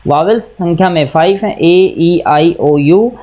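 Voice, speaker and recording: Over phone-quality sound, an unhurried man with a slightly high voice teaches a class in an Indian accent. He mixes English and Hindi, supplies answers to the questions he raises, and patiently repeats and recaps the lesson.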